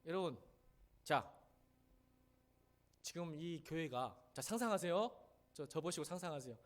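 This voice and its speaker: A middle-aged male senior pastor preaching a sermon in a church sanctuary, emphatic and animated, often acting out the lines he quotes. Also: on the high side, a little slow.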